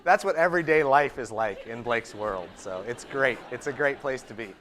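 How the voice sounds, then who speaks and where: A man's voice: mid-range voice, moderate pace, fairly bright tone, a little hiss or hum. A man co-presenting a live talk, chiming in with casual banter.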